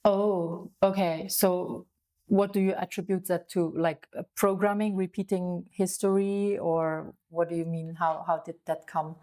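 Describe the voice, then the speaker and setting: Slow, hesitant woman podcast host. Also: lowish voice, fairly even intonation, mellow. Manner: slow, hesitant, many fillers. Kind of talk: interview.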